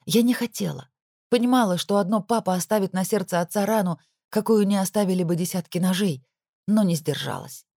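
A woman's voice: medium pitch, brisk, gravelly, mellow, dry recording, studio quality. A woman narrating a first-person audiobook with emotional, intimate delivery.

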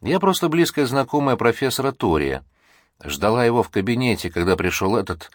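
A man's voice: medium pitch, sing-song, a little fast, no room sound, studio quality, voice pushed up, close to an everyday voice. A man voicing an eager, emotional young woman in an audiobook, chatty and pleading, easily hurt. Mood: hopeful chatter. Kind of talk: audiobook reading.

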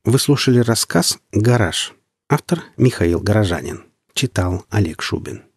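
A man reading an audiobook story in a measured, even narrating voice. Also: lowish voice, gravelly, slightly rough, dry recording, clean studio sound. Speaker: audiobook reader. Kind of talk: scripted narration.

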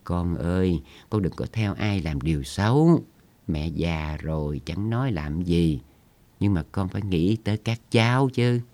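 A man's voice: sits low, lively intonation, a little mellow. A man doing a frail, pious old grandmother. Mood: pleading. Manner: slow, pleading, later weak and whispery.

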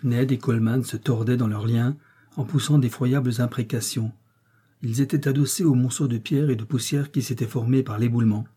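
A man narrating an adventure novel in a measured, dramatic way. His voice is dark and husky, with a mid-range pitch. He keeps a steady, even reading pace. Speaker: audiobook reader. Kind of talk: literary narration.

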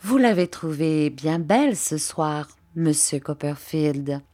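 A woman voicing a fawning, falsely humble young male clerk in an audiobook, speaking slowly and unctuously. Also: deep voice, expressive, mellow, heavily acted. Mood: oily. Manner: unctuous, slow, ingratiating. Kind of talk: audiobook character reading.

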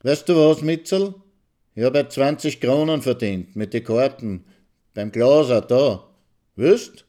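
A man reading a story aloud and voicing a rough young man who stutters and drawls in thick Viennese dialect. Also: medium pitch, dark tone, pitched above the performer's own voice, lightly acted. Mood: boastful. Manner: stuttering, drawn-out, mumbled speech.

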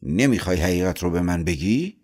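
A man's voice: very deep voice, huge pitch swings, darkish tone, exaggerated voice. A man voicing an impatient, wavering young prince in an audiobook story. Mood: anxious. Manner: anxious, eager.

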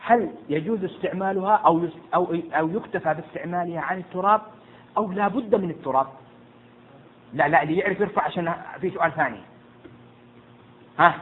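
A man teaching jurisprudence to a class, quizzing and hushing students, often stumbling and repeating words. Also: high voice. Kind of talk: interactive classroom lesson. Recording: tinny lo-fi with faint noise.

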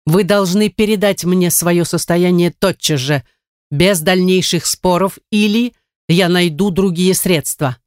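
A woman voicing a cold, contemptuous nobleman who speaks in slow, measured threats. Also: fairly low pitch, no echo, studio quality, close to an everyday voice. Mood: menacing.

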